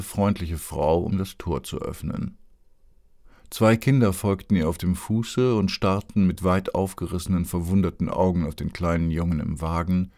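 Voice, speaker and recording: A man narrating an audiobook in a calm, even storytelling manner. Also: sits low.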